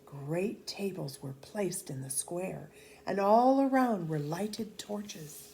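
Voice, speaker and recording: A woman's voice: fairly low pitch, animated, slow, warm tone, slight background noise, rough recording. A woman reading a children's storybook aloud as storyteller, expressively and with dramatic emphasis.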